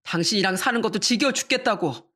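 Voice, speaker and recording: A woman plays a middle-aged husband caught cheating, stammering excuses and sulking back at his wife. The voice sits at an ordinary pitch, closer to the narrator's own than to a deep man's, in a scripted radio story. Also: lively intonation, fast, fairly bright tone. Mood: defensive. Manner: stammering, sulky and defiant.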